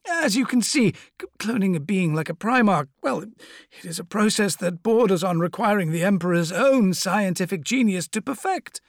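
A man's voice: high-pitched, expressive, moderate pace, no room sound, studio quality, pitched above the performer's own voice. A man voicing a sly, fawning male apothecary who makes squirming excuses. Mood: smug. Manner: oily, excusing, obsequious.

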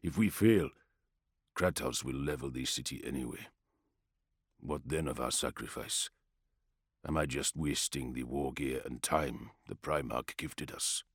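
A man voicing a grim male armored warrior commander, brooding low in council and bellowing orders in battle. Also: a little slow, breathy edge, dry recording, studio quality, heavily acted.

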